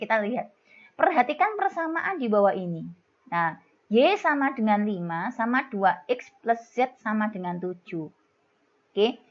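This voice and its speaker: Woman teacher, middle-aged, Javanese accent, higher voice, chatty and teasing with her students; dull lo-fi recording. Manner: chatty, scolding-playful, calls students "kids". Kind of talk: exam-prep lesson.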